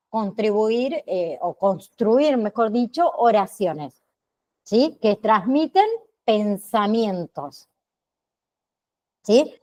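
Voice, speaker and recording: A woman teacher giving an online class lecture, speaking deliberately and checking in with frequent tag questions. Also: fairly high pitch. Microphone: computer mic on a video call.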